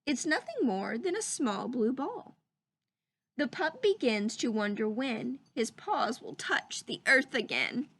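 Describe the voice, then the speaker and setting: There's slight background noise as a woman with a slightly high voice reads a children's picture book in a lively teacher's style. She draws out words and stops to put questions to the young listeners.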